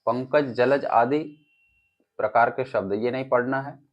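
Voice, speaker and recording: Man, Uttar Pradesh Hindi accent, teacher, quiz answers explained, unhurried, dull lo-fi audio. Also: medium pitch, fairly even intonation. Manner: reads each option, then gives and explains the answer. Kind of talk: exam-prep lesson, reading quiz options.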